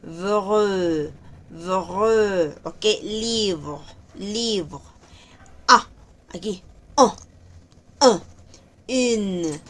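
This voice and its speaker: A woman teaching an online language class, slow and patient, repeating words again and again to model how they sound. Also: mid-range voice, expressive, fairly bright tone. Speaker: French teacher.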